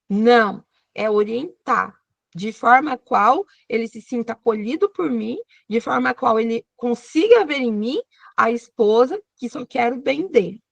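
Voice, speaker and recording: A woman's voice: fairly high pitch, gravelly, no echo, highs cut off. Brazilian woman teaching over a video call. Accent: Brazilian Portuguese. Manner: addresses listeners directly, checks in often. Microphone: computer or phone on a video call.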